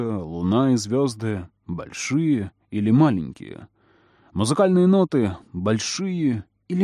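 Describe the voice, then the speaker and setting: A man reading a storybook aloud and voicing a calm, wise recluse who speaks softly and questions gently. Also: mid-range voice, no room sound, clean studio sound. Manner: soft, evasive, gently questioning.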